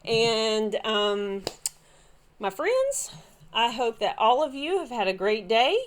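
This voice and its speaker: A woman's voice: a little high, measured pace. Chatty Southern woman showing her finds. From Southern United States. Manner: chatty, meandering, many fillers and restarts. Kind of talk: casual show-and-tell haul.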